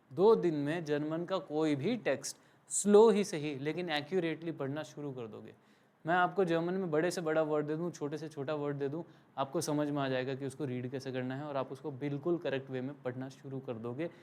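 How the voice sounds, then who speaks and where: A male language teacher giving a live classroom lesson, patiently drilling letters with pauses for students to repeat and mixing English phrases into his explanations. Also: fairly high pitch, darkish tone. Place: classroom with some students present.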